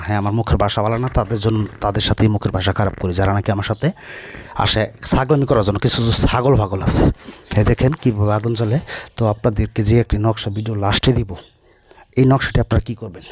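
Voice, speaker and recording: A man's voice: on the low side, a little mellow, no room sound. A man, a folk healer giving brusque, repetitive spoken instructions to the camera. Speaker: folk healer demonstrating a ritual.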